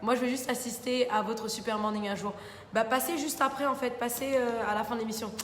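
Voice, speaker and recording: A woman's voice: fairly high pitch, steady tone, a little fast. A young adult woman, a TV columnist hosting a casual live Q&A, chatting informally and often filling with repeated little interjections. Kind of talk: casual live Q&A reading viewer comments. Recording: roomy studio reverb, faint background noise.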